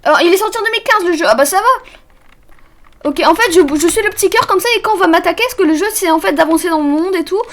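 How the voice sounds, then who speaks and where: A young woman with a very high, light voice gives casual let's-play commentary to her chat. She is chatty and bubbly, and keeps stumbling and restarting as she explains the game. Keyboard typing can be heard behind her. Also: quick pace, a bit bright. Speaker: streamer.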